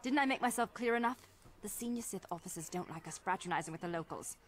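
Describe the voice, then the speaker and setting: A woman voicing a young female junior officer in a video game, guarded and brisk but lonely underneath. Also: medium pitch, animated, close to an everyday voice. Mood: curt. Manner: guarded and brisk, then softening.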